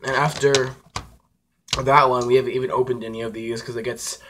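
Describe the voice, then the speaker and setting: A young man filming a hot sauce challenge vlog, talking casually to viewers and reacting loudly as his mouth burns. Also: medium pitch, fairly quick, a little hiss or hum. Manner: excitable, talks to viewers, reacts loudly to heat. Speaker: vlogger.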